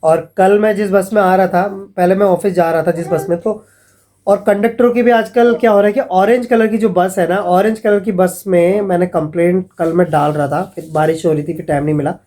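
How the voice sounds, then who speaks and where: A man's voice: high-pitched, fairly even intonation, brisk, dark tone. A man, vlogging in a casual, chatty way and calling his viewers friends as he mockingly retells scam calls. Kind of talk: casual vlog warning viewers.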